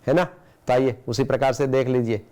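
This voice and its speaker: A man with an Indian accent teaching a school language lesson, explaining patiently and reading example sentences slowly and deliberately. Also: mid-range voice, steady tone, warm tone. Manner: explains patiently, with rhetorical questions. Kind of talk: classroom lesson for students.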